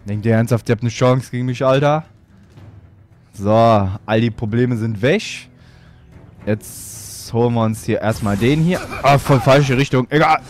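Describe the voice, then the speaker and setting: A man's voice: mid-range voice, measured pace, soft background music. A man giving gameplay commentary as a let's player, with playful, boastful trash talk.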